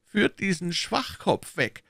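A man's voice: high voice, sing-song, moderate pace, vocal fry, no room sound, clean studio sound, voice pushed up, heavily acted. A man voicing an imperious, scheming older cardinal who questions sharply, in a storybook reading. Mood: urgent. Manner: sharp, probing interrogation.

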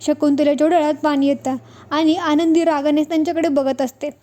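A woman narrating a recap of a TV serial in a plain, steady storytelling manner. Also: sits high, fairly quick.

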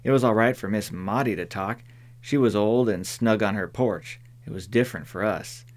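A man narrating an audiobook in a measured storytelling manner. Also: fairly low pitch. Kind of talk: scripted narration.

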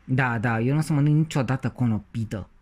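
A man's voice: medium pitch, darkish tone, natural voice. A man voicing a grumpy, picky farmer's boy who grumbles and sulks. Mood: grumbling. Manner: grumbling, sulky.

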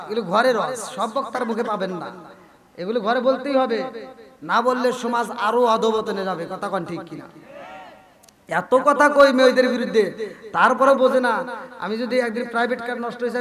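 A male Islamic preacher, giving a jocular waz sermon and keeping the crowd answering back. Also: very high voice. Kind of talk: Bengali waz sermon at a religious gathering.

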